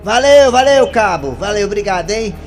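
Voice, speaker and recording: A high-voiced, animated man hosts a call-in radio show. He jokes with callers, teases them and sings out his greetings, with music playing under his voice. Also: normal speed. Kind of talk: lively call-in radio banter.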